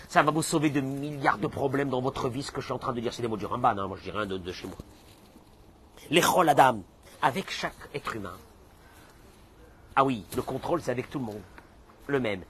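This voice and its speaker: A man, a rabbi, giving a lively sermon that talks straight to his listeners and mixes in Hebrew terms. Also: on the high side, husky. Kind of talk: animated sermon.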